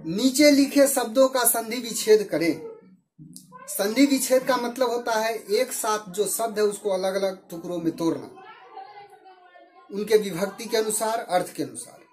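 A woman's voice: mid-range voice, moderate pace, darkish tone. A woman teaching a Sanskrit lesson, methodically working through each answer and repeating it in Hindi. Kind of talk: slow explanatory lesson.

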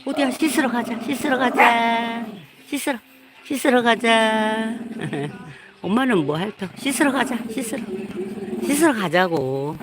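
A woman's voice: a little high, lively intonation, measured pace, heavy background noise. A woman streaming live and coaxing her pet dog to come and get washed. She repeats herself over and over in a sing-song tone and breaks into chuckles. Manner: coaxing, repetitive, laughing often. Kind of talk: casual live stream talk.

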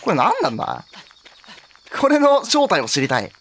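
Jumpy, wildly animated male game commentator. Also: a little high, moderate pace. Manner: jokey, yelps and exclaims at scares. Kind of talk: horror game let's play commentary.

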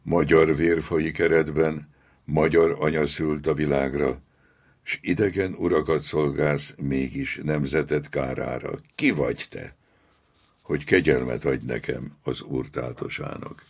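A man voicing a proud, defiant old shaman in an audiobook, with a deep, ringing voice and a solemn, hard manner. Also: fairly even intonation, breathy edge, full character voice. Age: older.

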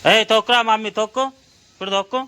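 A man's voice: high voice, steady tone, rapid-fire, bright, forceful tone. A man with a Telangana accent, filming a family vlog outdoors and coaching a child with repeated, urging commands. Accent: Telangana Telugu. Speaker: family vlogger. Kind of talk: casual coaching while filming.

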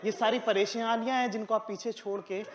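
A man with a high voice rattles off jokes at great speed, playful and mock-poetic. He is on a big indoor stage, and a loud audience and heavy noise sit all over his words. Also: fairly even intonation, very fast, a loud crowd. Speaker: comedian contestant. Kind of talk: joking banter in Hindi. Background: loud audience laughter.

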